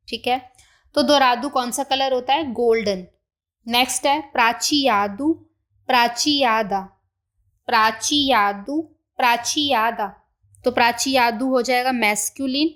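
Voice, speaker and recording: Slow, high-voiced woman teaching. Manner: slow, repeats words for learners to echo. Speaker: Portuguese language teacher. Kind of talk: beginner language lesson.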